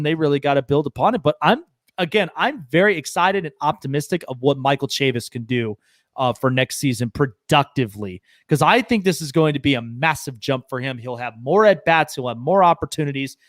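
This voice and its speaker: A man's voice: a little high, fairly quick, fairly bright tone, no echo, studio quality. A man co-hosting a baseball podcast, chatting casually and rambling with lots of restarts. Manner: rambling, many restarts and fillers, enthusiastic. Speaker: podcast co-host. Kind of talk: casual sports chat.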